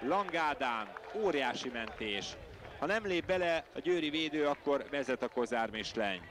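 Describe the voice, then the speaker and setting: A man giving live football match commentary in an excitable manner. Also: mid-range voice. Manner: excitable, voice leaps on big moments. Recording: noisy outdoor match broadcast.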